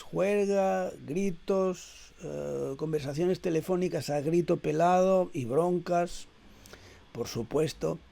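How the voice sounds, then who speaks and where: A middle-aged man delivering a reflective spoken essay in a measured, hesitant way, with frequent "eh" fillers and repeated words. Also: high voice, vocal fry, warm tone. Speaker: essayist reading his own text.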